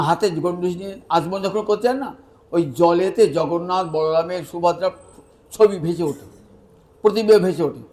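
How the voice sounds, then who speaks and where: High-voiced man preaching a story sermon. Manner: animated, acts out the dialogue of the tale.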